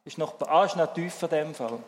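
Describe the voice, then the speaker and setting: A man's voice: a little high, fast talker. Swiss man preaching in a reverberant hall. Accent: Swiss German. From Switzerland. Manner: lively, swings between emphatic and soft. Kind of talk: sermon with audience interaction. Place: church service hall.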